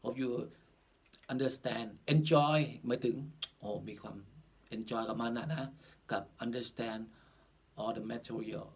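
A man with a Thai accent talks through a drum lesson unhurriedly, circling back over his words. His voice is gravelly and a little husky, and he drops into halting, simple English now and then. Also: mid-range voice. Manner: slow, repetitive, restarts mid-phrase. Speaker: drum teacher. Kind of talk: casual spoken lesson.

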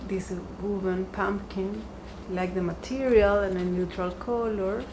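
In her home dining room, by the window, a woman chats brightly through a decor shopping haul, pausing softly over every find. She has a mid-range, steady voice and a measured pace. Background noise can be heard.

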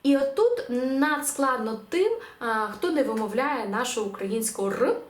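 A woman teaching a language lesson, her pitch lively and fairly high. She draws out each example word slowly and clearly before explaining it, and the room around her is echoey. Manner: clear, drawn-out pronunciation of example words.

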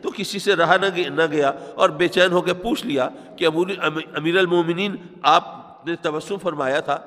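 A man's voice: high voice, fairly bright tone, big-room sound. A male Islamic scholar delivering a sermon, speaking rhetorically and addressing his listeners directly. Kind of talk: Urdu sermon.

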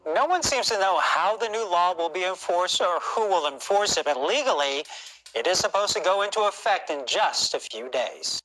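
A man news anchor in a TV studio reading the news in an even, measured way. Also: high-pitched, low-quality recording.

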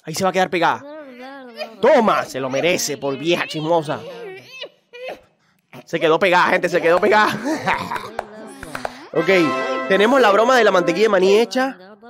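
A woman's voice: fairly low pitch, moderate pace, pauses often, over music. A woman hosting a let's play, commenting with playful mischief, often turning to her viewers. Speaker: gaming channel host.

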